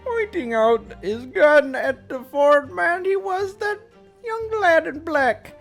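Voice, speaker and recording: A woman voicing a fussy elderly male witness from a courtroom game, in a drawn-out, quavering old man voice. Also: sits high, animated, soft background music, pitched above the performer's own voice, heavily acted. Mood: doddering.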